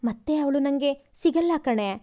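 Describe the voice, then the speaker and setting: A woman's voice: high-pitched, measured pace, mellow. A woman doing a heartbroken young man. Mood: sad, subdued. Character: heartbroken young man, gentle elder brother.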